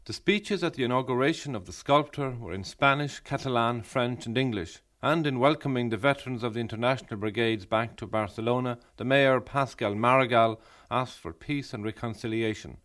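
Male reporter, scripted documentary voice-over, formal and measured, mid-pitched. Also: a bit bright. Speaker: reporter narrating.

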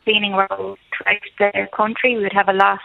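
A woman's voice: mid-range voice, little pitch movement, brisk, gravelly, slight background noise. A woman calling in to a radio show for her cleaning company, matter-of-fact. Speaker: cleaning company rep, caller. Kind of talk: radio call-in chat. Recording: tinny phone line.

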